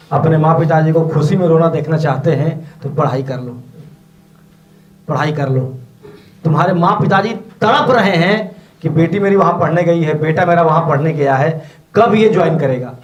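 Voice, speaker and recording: A man's voice: fairly high pitch, normal speed, lo-fi sound. A man teaching at a coaching institute, urging his students on in a motivational talk and repeating phrases for emphasis. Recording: echoey classroom.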